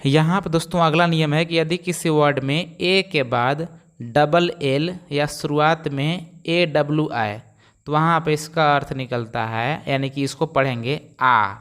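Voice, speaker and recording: Clear-voiced male teacher. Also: on the high side, a little slow, fairly bright tone. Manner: explains step by step, asks and answers his own questions. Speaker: English teacher. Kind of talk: spoken phonics lesson.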